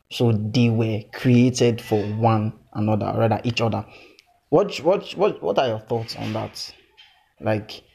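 A Nigerian-accented man hosting a podcast, chatting informally and playfully with animated teasing and Pidgin slang. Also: on the low side, creaky, husky. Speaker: podcast host.

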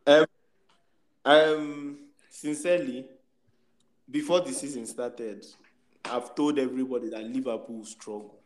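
Male football panelist, emphatic and repetitive in argument, mid-pitched, roomy echoey recording. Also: fairly even intonation, measured pace, long pauses. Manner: emphatic, repeats his points. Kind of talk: casual sports debate.

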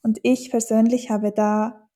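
Speaking a little slowly with a flat delivery, this woman has a warm voice on the high side. A dialect teacher from German-speaking Switzerland with a Swiss accent, she considers each interview question, frequently pausing with fillers and restarting sentences.

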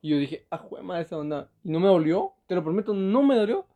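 A young man talks through a story in easygoing chat. His voice sits a little high but sounds mellow and warm, and he laughs often between lines. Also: sing-song, fast, highs cut off. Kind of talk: casual chat.

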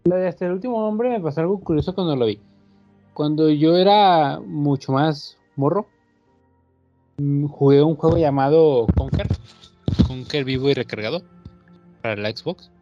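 A young Mexican man sharing a memory in relaxed, casual chat. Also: fairly high pitch, normal speed, pauses often, lo-fi sound, soft background music.

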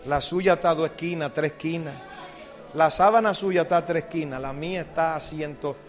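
A man's voice: a little high, fairly quick. A male pastor preaching an evangelistic sermon, telling the story dramatically and putting questions to the congregation. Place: church service with congregation.

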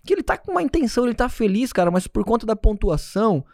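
A man's voice: sits high, very animated, quick pace, vocal fry, a little mellow, dry recording, clean studio sound. A man, a podcast guest explaining sales ideas and often checking the listener follows. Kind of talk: casual podcast chat.

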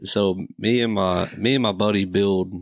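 A man's voice: low voice, steady tone, normal speed, dry recording, clean studio sound. A man, telling a profane story casually on a podcast and laughing through it. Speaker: podcast co-host.

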